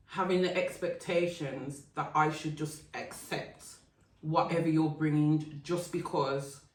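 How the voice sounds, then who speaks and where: A woman hosting a casual chat, playful and chatty, eating while she talks, recorded outdoors. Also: low voice. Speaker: host. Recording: roomy sound from a distant mic.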